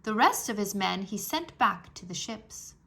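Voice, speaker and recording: A woman narrates a history book for children, unhurried and medium in pitch. Her storybook delivery is expressive, clearly enunciated, and punctuated with emphasis on dramatic words.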